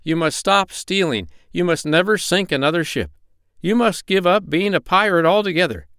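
A man's voice: sits high, moderate pace, a bit bright, clear, resonant tone, no echo, clean studio sound, pitched above the performer's own voice. A man voicing a kindly but stern animal doctor in a children's story, lecturing in a firm, formal way.

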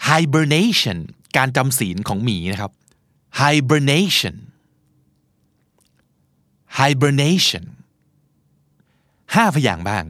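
A male podcast host teaching pronunciation, repeating words slowly and tapping out their rhythm. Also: mid-range voice, very animated, fairly bright tone, no echo, studio quality. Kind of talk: pronunciation lesson.

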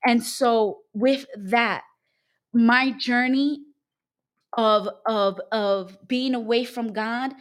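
A woman from Puerto Rico tells her faith testimony from her own home, coming through a video call. Her voice sits slightly high, and her delivery is animated and emphatic. She voices the people in her story as she tells it. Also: drawn-out words. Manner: animated, emphatic storytelling, acting out quoted speech. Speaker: guest on a prayer call. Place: her home, dining room.

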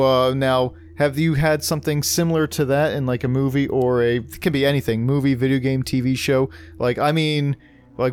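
A man's voice: medium pitch, smooth. A man hosting a casual podcast, rambling through filler words and joking at his own expense. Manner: rambling, filler-heavy, self-mocking. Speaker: podcast host.

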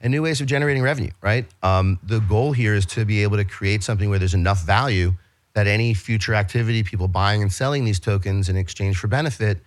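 A man with a New York accent and a lowish voice appears as a business guest in a casual interview. Talking fast, he eagerly explains his company with many restarts and fillers.

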